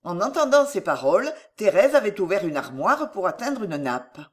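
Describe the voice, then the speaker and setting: An audiobook narrator reading a novel aloud with expressive, varied intonation. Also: medium pitch, normal speed.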